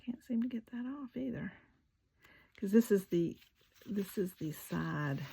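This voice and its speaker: A woman's voice: mid-range voice, lively intonation, a little slow, vocal fry, mellow, slightly rough, poor audio. A woman, talking casually through a craft tutorial, chatty and self-deprecating, with muttered asides while she works. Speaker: craft video maker.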